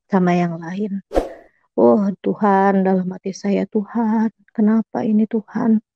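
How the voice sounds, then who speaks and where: A woman's voice: medium pitch, gravelly, warm tone, no echo, muffled recording. A middle-aged mother giving a personal testimony, emotional and at times tearful as she retells her prayers.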